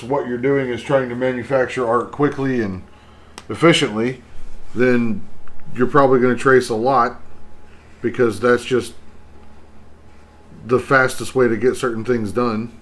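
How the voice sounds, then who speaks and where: A man's voice: mid-range voice, fairly even intonation, unhurried, pauses often. A middle-aged man hosting a casual livestream, talking bluntly and rambling about making art. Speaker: livestream host, artist.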